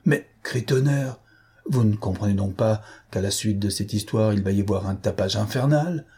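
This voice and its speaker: A man's voice: moderate pace, dark tone, breathy edge. Man doing a blunt, urgent police sergeant. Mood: exasperated. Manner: urgent low warnings, blunt slangy talk.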